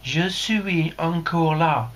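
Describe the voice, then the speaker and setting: A man voicing an Englishman who speaks French slowly and haltingly with a put-on English accent. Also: a little high, a bit bright. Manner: slow, halting, drawn-out words.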